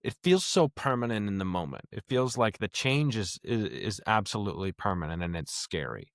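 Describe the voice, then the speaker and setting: Earnest, halting man host. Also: on the low side, lively intonation, dry recording, clean studio sound. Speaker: podcast host. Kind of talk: casual chat.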